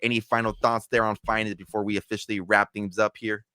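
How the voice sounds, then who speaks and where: Fast-talking, low-voiced male host. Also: level tone, bright, forceful tone, clean tone, no echo, studio quality. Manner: fast, rambling, upbeat with fillers like "there". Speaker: podcast host. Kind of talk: casual chat.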